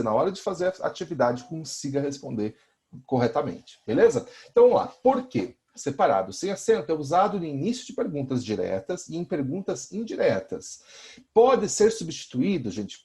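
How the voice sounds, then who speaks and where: Man, brazilian portuguese accent, teacher, animated pitch, explains step by step. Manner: explains step by step, often checks in with the class. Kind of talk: recorded lesson for students.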